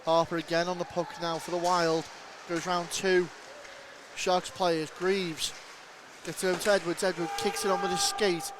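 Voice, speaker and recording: A man giving brisk live play-by-play commentary on an ice hockey game, rising in pitch and volume as shots come in. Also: flat delivery, background noise.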